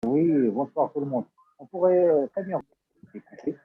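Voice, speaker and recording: A male student asking a hesitant question in an online class, pausing often with "euh". He is heard through Bluetooth audio. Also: fairly high pitch, slightly rough. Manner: hesitant, many pauses with "euh". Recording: tinny phone-like Bluetooth audio.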